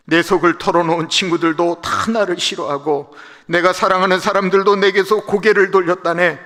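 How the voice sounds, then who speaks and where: A man's voice: sits high, sharp tone, voice pushed up. A man voicing Job, a suffering, forsaken old man, pleading in a raised, bitter voice. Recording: echoey church sanctuary livestream.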